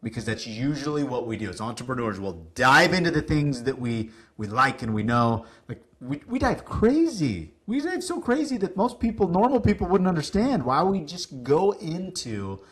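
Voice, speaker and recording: A man telling stories as a guest on a business podcast, lively, acting out what people said, with some casual swearing. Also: mid-range voice, moderate pace, few pauses. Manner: animated, acts out quoted dialogue, casual swearing. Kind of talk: casual interview storytelling.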